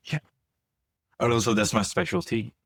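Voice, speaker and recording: A man's voice: fairly low pitch, a little slow, husky, no room sound. A young man of Korean heritage who grew up outside Korea, co-hosting a podcast in casual, playful chat and often correcting himself mid-sentence. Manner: playful, jokey, animated, often self-correcting. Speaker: podcast co-host.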